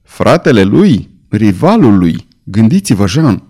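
A man playing a hoarse, jealous young rival. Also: on the low side, very animated, dark tone. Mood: bitter threat. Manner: bitter, threatening.

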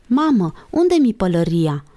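A woman's voice: on the low side, big pitch swings, dark tone. A woman reading an audiobook, voicing a bold, quarrelsome young girl in a raised voice. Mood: excited. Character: spirited, quarrelsome little girl.

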